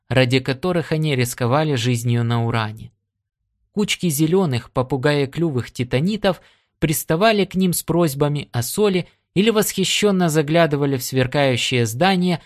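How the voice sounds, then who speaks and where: A man reading an adventure audiobook aloud in steady storytelling narration. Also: fairly high pitch. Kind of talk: scripted narration.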